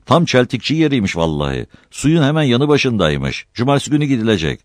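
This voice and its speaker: A man's voice: mid-range voice, big pitch swings, fairly quick, no room sound, studio quality, voice pushed up, close to an everyday voice. A man reading a novel aloud, voicing an earnest, simple young village man who speaks eagerly. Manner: eager, pleading.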